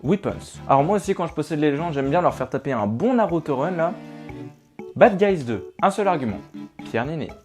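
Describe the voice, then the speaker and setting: A young man giving a rapid-fire comic recap of films, with sarcastic, punchy one-liners. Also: on the high side, expressive, darkish tone, soft background music. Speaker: film reviewer.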